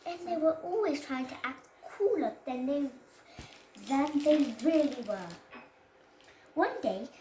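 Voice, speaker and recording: A child with a high voice reads a children's story aloud. The reading stumbles and restarts phrases. The sound is roomy, with faint noise behind it. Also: dark tone. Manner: stumbles over words and rereads phrases. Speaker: child reader presenting a storybook. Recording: roomy echo with background noise.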